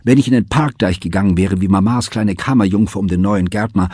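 Heated scornful young lady from an audiobook, done by a man lifting his low husky voice, dry close sound. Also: expressive, normal speed, a little mellow, dry recording, full character voice. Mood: furious. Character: proud, bitter young woman of the gentry. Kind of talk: audiobook reading.

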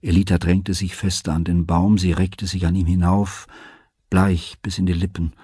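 A man narrates a literary novel at a calm, even pace. His voice sits low and sounds very husky, and the close-miked booth recording is dry. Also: normal speed, dry recording. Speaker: audiobook reader. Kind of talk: scripted narration.

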